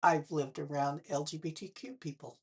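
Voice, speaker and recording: A woman's voice: low-pitched, steady tone, moderate pace, a little mellow, breathy edge. An older woman speaking straight to her viewers, firing pointed rhetorical questions with a sarcastic edge. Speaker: political vlogger. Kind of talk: direct-to-camera commentary.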